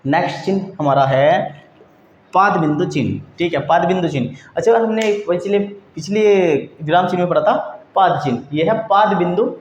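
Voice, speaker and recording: A man's voice: sits high, moderate pace. Man teaching grammar in an echoey room. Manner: addresses viewers as friends, repeats "theek hai" often. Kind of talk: explanatory online lesson. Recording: echoey room, dull lo-fi sound, faint noise.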